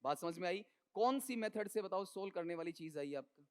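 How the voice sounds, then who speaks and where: A man teaching English grammar for an exam, coaxing students with quick questions in Hindi and English. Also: sits high, animated, smooth. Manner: mixes Hindi with English terms. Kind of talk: exam-prep lesson.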